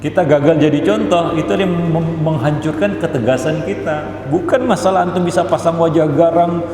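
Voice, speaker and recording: A man's voice: on the high side, moderate pace, darkish tone, slight background noise. A man giving an emphatic parenting lecture as a preacher, repeating his points for stress. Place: mosque hall. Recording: echoey hall, faint ambience.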